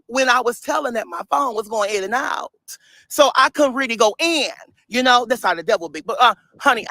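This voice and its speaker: Recorded at low quality with no room sound, this man's very high voice comes across bright and forceful. He's in his thirties, from St. Louis, has a speech impediment, and works as a social media personality, ranting emphatically in a casual vlog, repeating himself and laughing often.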